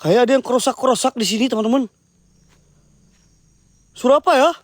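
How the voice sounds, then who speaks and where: Outdoors at night in a rural area, a man hosts a ghost-hunting vlog, nervously talking to viewers and repeating himself in excited live commentary. His voice is very high-pitched and fairly quick, with no room sound.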